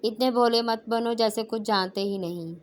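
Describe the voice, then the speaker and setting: A woman reading the lines of a firm, middle-aged mother in a novel, speaking calmly and dismissively. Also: fairly high pitch, normal speed, lightly acted.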